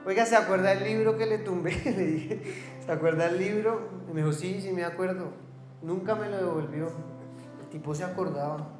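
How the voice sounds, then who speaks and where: Colombian pastor preaching in an echoey church. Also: male voice, sits high, normal speed. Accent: Colombian Spanish. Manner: storytelling, acting out dialogue, colloquial. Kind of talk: sermon. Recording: roomy church hall with faint music.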